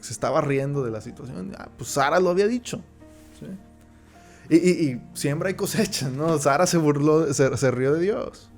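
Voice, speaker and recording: A man's voice: a little high, a little mellow. Man teaching a Bible study. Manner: reads verses aloud, then explains them, often checking in with the listener.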